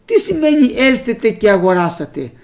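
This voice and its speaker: A preacher delivers a sermon, reading old scripture aloud and explaining it plainly to the congregation. The mid-range voice is very animated with a darkish tone, speaking directly to listeners as brothers.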